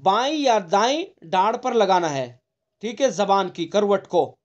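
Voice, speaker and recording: High-voiced man teaching Quran recitation. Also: expressive, lo-fi sound. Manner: explains patiently, repeats key points and demonstrates sounds. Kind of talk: online tajweed lesson. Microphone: online class recording.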